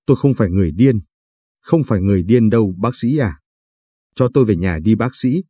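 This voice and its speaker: A man's voice: lowish voice, lively intonation, fairly quick, warm tone, breathy edge, no echo, studio quality. A man reading the lines of a frightened, confused old woman patient who pleads and stammers.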